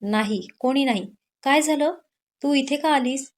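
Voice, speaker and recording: A woman voicing a restless, lovesick young man in an audio story, speaking slowly and softly. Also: sits high. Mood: bewildered. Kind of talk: Marathi audio story narration.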